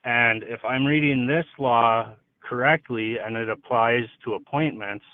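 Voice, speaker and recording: A man's voice: mid-range voice, measured pace, no room sound. A man with a thick Upper Michigan accent, calling in to a show to explain a question. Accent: thick Upper Michigan (Yooper). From Upper Peninsula of Michigan. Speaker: caller. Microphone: telephone. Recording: tinny, dry phone line.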